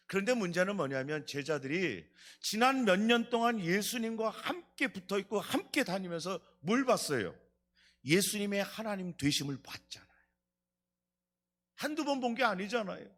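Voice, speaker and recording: A man's voice: high-pitched, a bit bright. A man preaching a Friday night revival sermon in a church. He keeps putting questions to the congregation and acts out quotes as he goes. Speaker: pastor. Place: church sanctuary.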